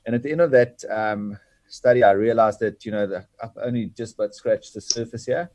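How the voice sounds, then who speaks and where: Male interview guest, native Afrikaans speaker with Afrikaans South African accent; dark, relaxed tone, close dry sound, earnest, hesitant delivery. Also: on the low side, brisk, no echo. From Bloemfontein, South Africa. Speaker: guest, sports franchise chief executive. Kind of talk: reflective interview talk.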